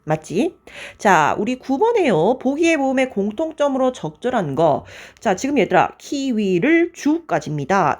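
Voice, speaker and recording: A woman teacher runs an exam-prep grammar lecture at a brisk clip, her pitch rising and falling in wide swings. She keeps asking her students to confirm each answer before she moves on. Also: darkish tone.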